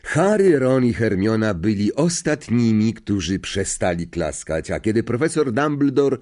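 Expressive male audiobook narrator. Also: fairly low pitch, moderate pace. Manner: expressive, acts out characters. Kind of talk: scripted narration.

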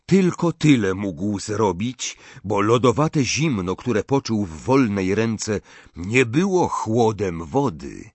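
A man narrating an audiobook dramatically in a measured, expressive reading. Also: fairly low pitch, dry recording.

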